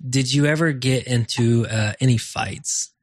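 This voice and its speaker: Man, podcast co-host, mid pitch, easy laughter. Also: a little slow. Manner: laughs easily, short reactions. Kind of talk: casual interview chat.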